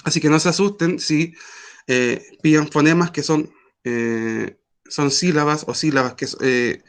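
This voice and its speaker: Male teacher, slightly high voice, patient and halting explanation style. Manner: patient, explains with many pauses and fillers. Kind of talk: online class lecture.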